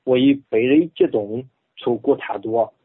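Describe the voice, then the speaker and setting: A modest, quiet man from Henan speaking in Henan dialect as a radio co-host, reading aloud. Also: medium pitch, a little slow, slightly rough, no echo, narrow, tinny audio. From Henan, China. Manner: modest, quiet, laughs shyly.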